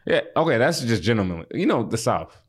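A man in casual chat, blunt and quick to argue back. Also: medium pitch, very animated, husky. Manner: blunt, quick, argumentative banter.

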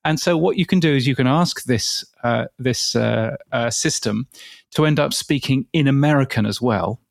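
A British man co-hosting a podcast, talking things through in a relaxed chat with plenty of ums and restarts. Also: medium pitch, moderate pace, vocal fry, no echo, studio quality. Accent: British English. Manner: thoughtful, many fillers and restarts. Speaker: podcast co-host. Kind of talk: casual chat.

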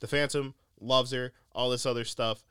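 A podcast co-host chats casually about a film, rambling with lots of fillers and laughter. His medium-pitched voice is clear, resonant and a bit bright, with fairly even intonation at a moderate pace, recorded dry with studio quality.

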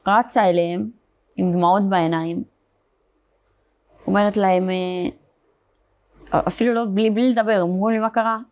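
A young woman from Israel, a border police fighter, telling her story in an interview, halting, with many fillers and restarts. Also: mid-range voice, steady tone, darkish tone. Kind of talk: personal testimony in an interview.

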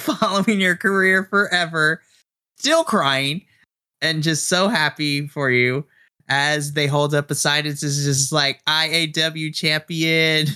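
Slow, bright-voiced game master. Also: mid-range voice. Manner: laughing, enthusiastic narration. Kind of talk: narrating a tabletop game.

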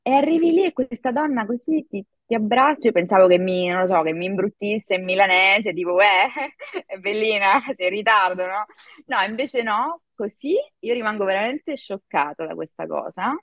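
A woman in her thirties, an actress and acting coach, telling a story in a lively podcast chat, full of fillers. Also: medium pitch, normal speed, no room sound. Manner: animated storytelling with many fillers. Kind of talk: casual podcast conversation.

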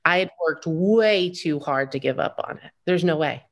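A wedding business owner in her thirties guests on a casual podcast, speaking outspokenly and telling stories with acted-out quotes. Her voice is low and loud, at a moderate pace.

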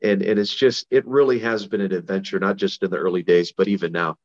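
A man's voice: low-pitched, fairly even intonation, fast. Man, pastor, over the phone, middle-aged, earnest, conversational, muffled phone audio. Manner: earnest, conversational, with frequent restarts. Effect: heard over a phone line. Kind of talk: interview guest sharing a personal testimony. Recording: dull phone-line audio.

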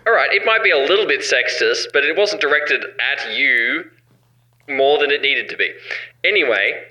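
Guy doing a chatty scatterbrained hunter, super bright voice, jumps around in pitch, rambles, horror rpg. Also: animated, low-quality recording. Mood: defensive. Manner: rambling, distracted, halting. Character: scatterbrained, chatty, prickly colleague of monster hunters.

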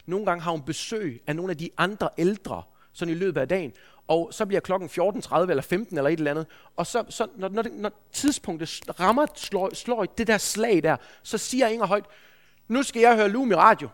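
A man preaching a sermon, telling a story in an earnest, anecdotal way with frequent restarts. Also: sits high. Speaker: preacher, school head.

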